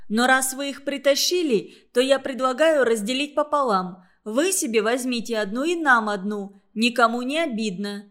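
A woman's voice: on the high side, moderate pace, few pauses, fairly bright tone, lightly acted. A woman voicing a sensible girl who leads the group, speaking firmly and sternly. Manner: firm, stern.

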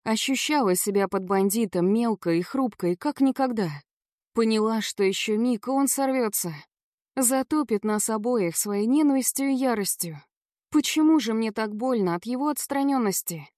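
A woman's voice: fairly high pitch, moderate pace, darkish tone, no echo, studio quality. A woman narrating a first-person audiobook in a dramatic, tense storytelling manner.

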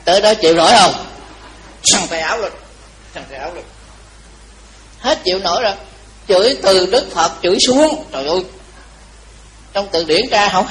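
A man giving a Buddhist dharma talk, telling a long story to his audience in an animated, chatty way, a little tired. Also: high voice, slight background noise, low-quality recording. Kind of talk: storytelling sermon.

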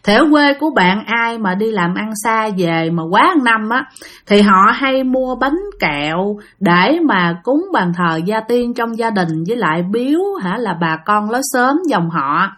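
A woman storyteller with a Southern Vietnamese accent narrates ghost stories chattily, speaking directly to her listeners. Her medium-pitched voice is a bit bright, with lively intonation and a measured pace.

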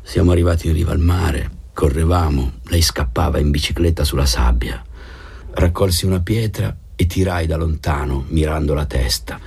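A man reading a novel aloud in a calm, measured narration. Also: extremely low pitch, vocal fry, husky. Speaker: audiobook reader. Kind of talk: scripted narration.

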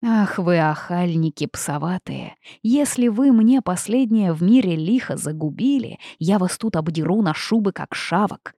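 A woman voicing a hot-tempered young witch in a storybook, blunt and quick to flare up. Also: sits low, very animated, dark tone, husky, no room sound, clean studio sound, full character voice. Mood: indignant. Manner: quick-tempered, indignant outbursts.

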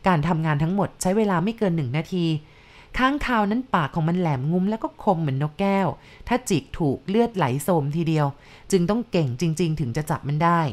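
A woman reads a story aloud with a calm, measured delivery. Her voice sits a little low, and she narrates steadily and descriptively.

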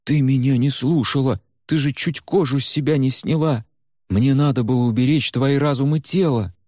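A man voicing a protective male fire spirit in a measured, steady way. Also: medium pitch, no echo, studio quality, pitched above the performer's own voice, lightly acted. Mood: exasperated. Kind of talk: audiobook character voice.

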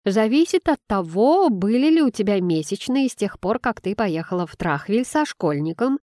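A woman's voice: mid-range voice, big pitch swings, moderate pace, warm tone, no echo, studio quality, natural voice. Cheeky blunt best friend, as a woman reads her. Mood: teasing. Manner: blurting, cheeky.

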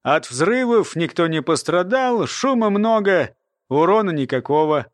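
A man voicing a calm, cunning colonel who talks slowly and matter-of-factly. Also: on the high side, dry recording, studio quality. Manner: unhurried, matter-of-fact.

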